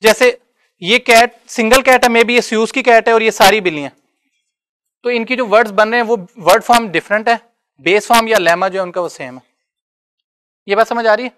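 A man's voice: high voice, a little fast, long pauses, a bit bright, clean tone. Male lecturer, talks casually to a class, keeps asking if they follow. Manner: conversational, checks understanding often. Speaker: university lecturer. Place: classroom with students.

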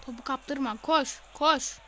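A woman playing a football video game live, excitable, yelling instructions at the screen and swearing. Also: high-pitched, unhurried, slight background noise. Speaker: gamer.

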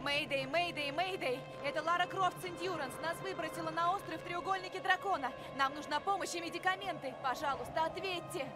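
An actress voicing a determined young shipwreck survivor who sends an urgent, pleading mayday distress call over a marine radio in dubbed game dialogue. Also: female voice, extremely high pitch, fairly quick, few pauses, over loud music. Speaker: game heroine.

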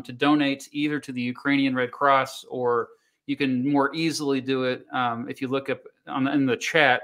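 A man with a bright, forward voice hosts an online panel stream. He speaks in a relaxed, friendly way and steers the conversation toward its close. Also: medium pitch. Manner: relaxed, friendly, wraps up and directs the talk. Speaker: livestream host. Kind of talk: casual panel discussion.

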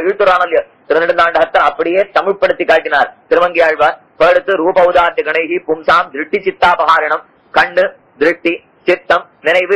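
Older male discourse speaker, bright husky voice, chants verses, old radio sound. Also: a little high, poor audio. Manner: explains Sanskrit verses and recites Tamil hymns in a lilting chant. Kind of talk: devotional discourse.

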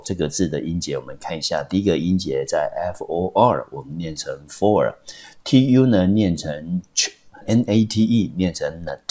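A man's voice: low voice, darkish tone, slightly rough. A man, teaching English vocabulary patiently and step by step, with many fillers. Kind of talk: vocabulary lesson.

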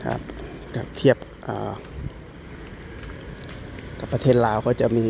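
A man from northeastern Thailand with an Isan Thai accent, chatting casually as he walks a narrow street at night, rambling with many restarts. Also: slow. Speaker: vlogger. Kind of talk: casual walking vlog commentary. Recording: noisy outdoor street recording.

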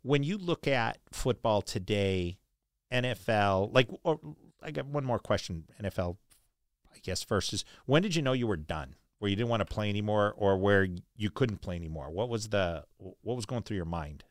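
A man's voice: on the low side, expressive, normal speed, dry recording, studio quality. A man hosting an interview, asking long rambling questions in a conversational way and sharing his own racing memories. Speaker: interview host. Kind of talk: casual interview.

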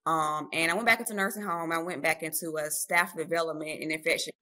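A woman in her thirties joins a video call from a room at home as a guest nurse writer, telling stories in a casual interview. Her tone is low, bright, and steady, and she talks fast, friendly and chatty, calling listeners "y'all," through a webcam or laptop mic.

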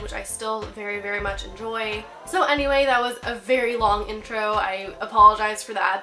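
Sitting on her bed in a small apartment, a woman in her twenties who is recovering from a cold vlogs a casual how-to. Her pitch runs fairly high, with a bright, pushed quality, and her upbeat chatter is full of "like" as a lifestyle vlogger.

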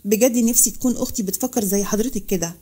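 A woman's voice: mid-range voice, fast, warm tone, breathy edge, close to an everyday voice. A woman voicing a polite young Egyptian soldier. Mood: earnest. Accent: Egyptian Arabic. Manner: respectful.

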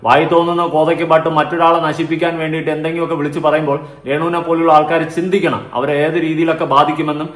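A man's voice: on the high side, flat delivery, very fast, few pauses, roomy sound. A man giving indignant, insistent opinion commentary on his vlog, repeating his points. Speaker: vlogger commentator.

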